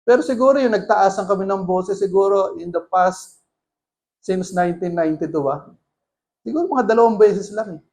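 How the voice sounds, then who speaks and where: A man's voice: sits high, moderate pace, a little mellow. A man preaching as pastor, mixing Tagalog and English and putting rhetorical questions to the congregation. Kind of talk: sermon.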